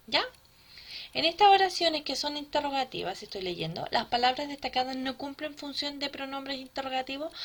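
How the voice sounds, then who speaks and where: A woman teaching a grammar lesson to children, patient and often checking with a quick "¿ya?". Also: fairly high pitch, fairly bright tone.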